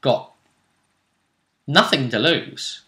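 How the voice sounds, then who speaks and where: A game master and vidcast host casually recaps a tabletop role-play tournament, talking dramatically and emphatically and repeating phrases for effect. His mid-range voice is expressive, pushed, and bright, extremely slow, in a roomy, echoey room.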